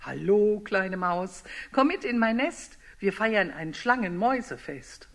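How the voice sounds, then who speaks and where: A hungry storybook snake who coaxes in a loud, sugary tone, as an older woman reads aloud. The sweetness hides her appetite. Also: medium pitch, expressive, a little slow. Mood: sugary, alarmed.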